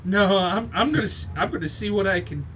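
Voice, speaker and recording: Male tabletop player, somewhat high voice, casual game chat, clearly noisy recording. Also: fairly quick, a bit bright.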